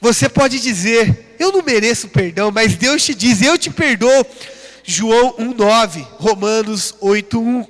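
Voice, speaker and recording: A high-pitched man with a Brazilian Portuguese accent preaches a sermon, his voice climbing with emphasis as he sets up each contrast. He reads scripture references between his points. His voice rings out with the long reverb of a large church hall. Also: slow. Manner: rising emphatic call-and-response preaching, reading scripture references. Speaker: pastor.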